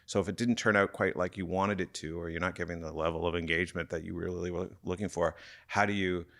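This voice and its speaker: A man's voice: deep voice, fairly even intonation, quick pace, a bit bright. A man hosting a podcast interview, asking long, searching questions. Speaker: podcast host.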